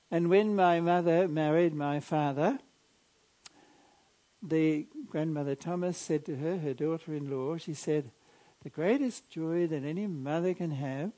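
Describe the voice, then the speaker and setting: Measured older priest with a mellow voice. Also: male voice, on the high side, low-quality recording. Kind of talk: Gospel reading and homily.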